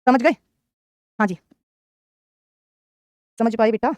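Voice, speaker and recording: A woman's voice: fairly high pitch, fairly even intonation, slow, no room sound, studio quality. A woman teaching Hindi grammar in a live online class, asking questions and repeating each answer, calling her students "beta".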